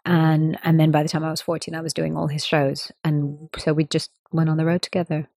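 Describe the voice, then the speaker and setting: Interview guest, woman, 30s; low and gravelly, thoughtful and unhurried, quick to laugh. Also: completely flat delivery, mellow. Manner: thoughtful, measured, laughs easily. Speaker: interview guest, sitar player. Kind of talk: relaxed conversational interview.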